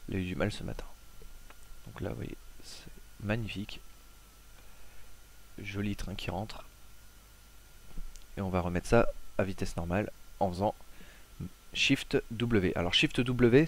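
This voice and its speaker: A tutorial host with a lowish voice narrates a casual screen-recording tutorial, walking viewers directly through the steps. He sounds relaxed but hesitant, filling his speech with frequent "euh"s.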